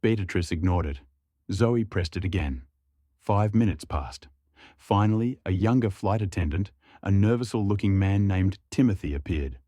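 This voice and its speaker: Casting: male storyteller, low voice, dry close recording, measured delivery. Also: expressive, dark tone, no echo. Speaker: narrator. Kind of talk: scripted story narration.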